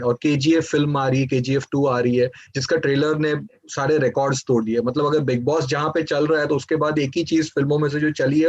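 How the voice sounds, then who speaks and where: A man's voice: medium pitch, dry recording, highs cut off. A man interviewing a guest, agreeing readily and reading out fans' questions. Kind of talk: casual interview.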